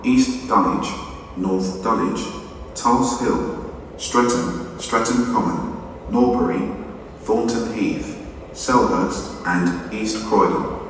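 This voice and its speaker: A man making a formal, measured platform announcement over a station loudspeaker, reading the calling points. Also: lowish voice. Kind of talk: automated train departure announcement. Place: large railway terminus concourse. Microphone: public address loudspeaker picked up from a distance. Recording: echoey station hall from far off, noisy. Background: station noise and ambience.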